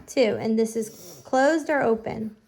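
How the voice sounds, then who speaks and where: A woman teaching a phonics lesson casually, giving slow school dictation with repeated words and prompts for a child. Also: fairly high pitch, creaky, darkish tone. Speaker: home phonics teacher, parent-style instructor.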